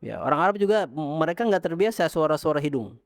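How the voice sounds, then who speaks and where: A man teaching Arabic pronunciation, modeling syllables slowly for his students to repeat, then correcting and praising them patiently. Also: fairly high pitch, very animated, no echo, studio quality. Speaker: Islamic teacher.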